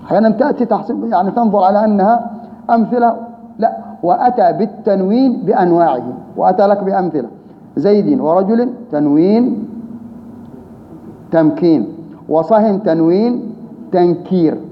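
A man with a high-pitched voice teaches grammar and explains it patiently. He repeats key terms and asks rhetorical questions. The recording is dull and lo-fi, with a long room reverb and a faint hiss underneath. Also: normal speed.

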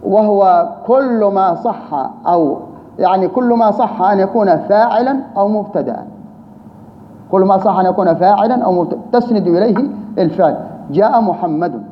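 High-voiced male grammar teacher, roomy. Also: brisk. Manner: patient, repeats key terms and asks rhetorical questions. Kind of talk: explanatory grammar lesson. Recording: roomy reverb, dull lo-fi sound, faint hiss.

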